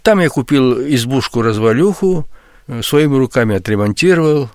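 Older man telling his story haltingly. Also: mid-range voice, expressive, darkish tone, no echo, clean studio sound. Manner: halting, many fillers and restarts. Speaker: writer and guest. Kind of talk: radio interview.

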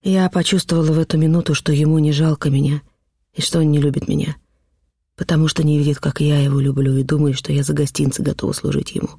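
A man narrates a classic novel in a measured, expressive way. His voice is a bit high with a gravelly texture, and the recording is close and dry. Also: no echo. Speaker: audiobook reader. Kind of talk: literary audiobook narration.

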